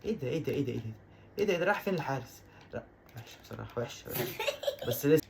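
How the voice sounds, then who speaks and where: Excitable fast-talking Egyptian man gaming. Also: mid-range voice, vocal fry, noisy background. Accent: Egyptian Arabic. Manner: excitable, repeats exclamations over and over. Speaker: gaming YouTuber. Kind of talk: let's-play commentary.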